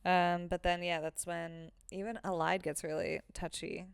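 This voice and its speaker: Low-voiced chatty woman podcaster. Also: flat delivery, a little slow, smooth, dry recording, studio quality. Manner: chatty, filler-heavy, laughs often. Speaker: podcast co-host. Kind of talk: casual book-club chat.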